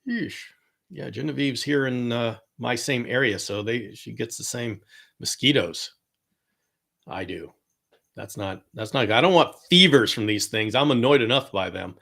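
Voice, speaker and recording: A man's voice: medium pitch, moderate pace, gravelly, sharp tone. A man hosting a live stream, chatting casually with viewers, rambling with fillers, laughing and apologizing often. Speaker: host of a live chameleon show.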